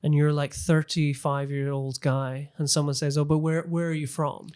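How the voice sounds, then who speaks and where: A British man in his thirties chats earnestly as a guest on a casual podcast interview, using examples to illustrate his points. His slightly high voice is level, a little mellow and clean, at normal speed, captured by a close stand-mounted microphone in a small podcast studio.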